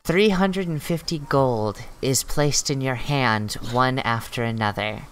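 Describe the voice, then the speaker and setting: A woman's voice: very deep voice, a little slow, a little hiss or hum. A woman running a tabletop game as game master, narrating events informally and reacting to dice rolls.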